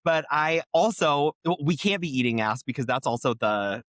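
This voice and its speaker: Male podcast co-host, animated storyteller, very lively pitch, dry close sound. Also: moderate pace, dry recording. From Nebraska. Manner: animated, giggly storyteller who jumps high when excited. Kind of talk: casual storytelling chat.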